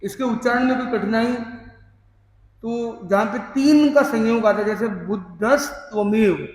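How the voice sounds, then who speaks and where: A man teaching a hymn workshop, explaining the meaning and pronunciation word by word and chanting the verses slowly. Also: high voice, a little mellow. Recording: echoey hall with long reverb.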